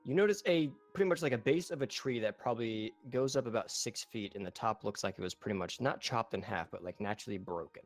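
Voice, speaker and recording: A man with a low voice narrates a tabletop game for his friends over voice chat. He talks casually and loosely, with restarts and fillers, and faint music plays behind him. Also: fast, hardly any pauses, dry recording. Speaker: game master. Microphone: online voice chat.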